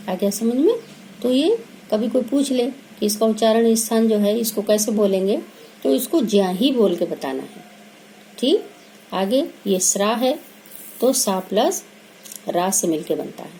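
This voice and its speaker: Woman teacher, slow patient explainer, soft faint hiss behind her. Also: a little high. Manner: patient, repeats sounds slowly and checks understanding. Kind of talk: Hindi pronunciation lesson.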